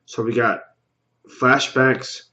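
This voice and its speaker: Male vlogger, mid pitch, loose slangy rambler who stumbles and repeats; muffled lo-fi home mic. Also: steady tone, slow pace, pushed and bright. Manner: loose and slangy, swears casually. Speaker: TV episode reaction vlogger. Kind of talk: casual spoken episode recap.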